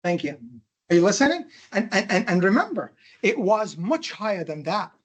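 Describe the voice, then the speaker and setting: A man from Jordan with a Jordanian accent giving a classroom lecture, animated and emphatic, firing questions at his students. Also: high voice, moderate pace. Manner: animated, emphatic, quizzing the audience with rhetorical questions. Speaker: university lecturer.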